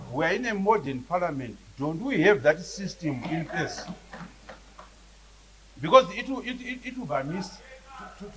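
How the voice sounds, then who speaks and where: A man with a Zimbabwean accent, a member of parliament making a point of clarification, halting and repeating words. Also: a little high, rough recording.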